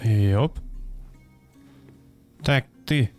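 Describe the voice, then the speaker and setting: Speaking very slowly, a young man in a low, darkish voice thinks aloud, mumbles and jokes around as he plays a detective game. He's a gameplay streamer offering casual let's-play commentary, with faint music in the background.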